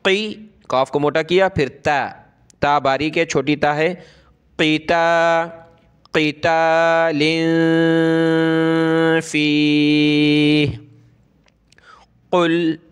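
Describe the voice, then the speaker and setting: A man teaching Quran reading, spelling each word out letter by letter and then reciting it slowly and drawn out. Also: a little high, fairly bright tone, clean tone.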